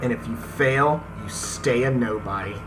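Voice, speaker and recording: An unhurried, medium-pitched gaming host narrates a let's-play of a visual novel, reading its lines aloud and fumbling some words. Casual asides go straight to the viewers, while the game's music sits behind the voice on a rough recording.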